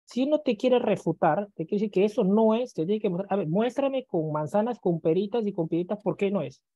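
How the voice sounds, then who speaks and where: A man's voice: high voice, brisk, mellow, no echo. A male computer teacher in a screen-recorded lesson who keeps checking in with listeners and acts out students' questions, then answers them himself.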